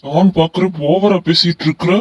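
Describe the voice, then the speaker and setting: A man voicing an aggressive, possessive young man in an animated story, talking bluntly and threateningly. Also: high-pitched, normal speed, rough recording.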